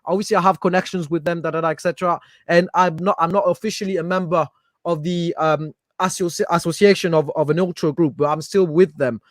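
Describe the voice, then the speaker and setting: This guest, a football fan from Paris, speaks fast in a high, steady voice with a French accent, pressing his point in a relaxed podcast conversation. He gets passionate and stumbles, repeating words as he gropes for phrasing. The sound is close and dry, free of echo.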